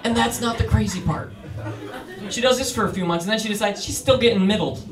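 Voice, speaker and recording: A man's voice: high voice, quick pace, a crowd in the background. A young man performing a stand-up comedy set in a club, telling stories with energy and acting out voices. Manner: energetic storytelling, acts out voices. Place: comedy club in front of a crowd. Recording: roomy club sound from a distance with audience.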